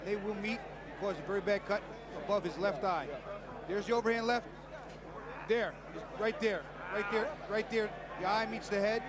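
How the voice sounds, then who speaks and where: A man's voice: sits high, steady tone, moderate pace. A man giving live fight commentary as an analyst, emphatic and given to repeating phrases. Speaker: boxing analyst. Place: ringside in a busy arena. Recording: loud arena crowd and noise.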